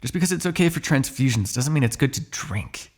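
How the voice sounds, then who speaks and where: A man's voice: mid-range voice, lively intonation, a little fast, a little mellow, close to an everyday voice. A man playing a sardonic, foul-mouthed vampire on the run in an ASMR roleplay, talking in a conversational, exasperated way. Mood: disgusted.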